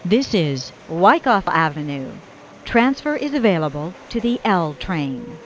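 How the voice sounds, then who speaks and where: A woman's voice: on the low side, big pitch swings, measured pace, a little hiss or hum. A woman reading recorded train announcements in stilted, spliced-together phrases. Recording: dull lo-fi train speaker recording.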